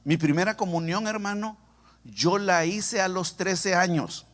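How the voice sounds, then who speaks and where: A man's voice: sits high, unhurried. A man from El Salvador with a Salvadoran accent, a pastor preaching and telling his own story to the congregation with humor. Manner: humorous, animated, addresses the congregation directly. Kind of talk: sermon with personal testimony. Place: church sanctuary.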